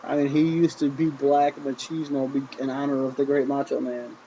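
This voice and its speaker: Male reviewer, mellow gravelly voice, casual rambling delivery. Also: medium pitch, level tone, normal speed, dull audio, a little hiss or hum. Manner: rambling, with frequent "I mean" and restarts. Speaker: wrestling show reviewer.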